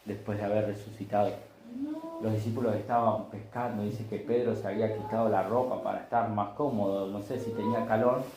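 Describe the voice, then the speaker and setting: A man's voice: fairly low pitch, steady tone, fairly quick, echoey room, background noise. A man preaching a Sunday sermon, telling stories in a conversational way and acting out the voices in them. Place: church.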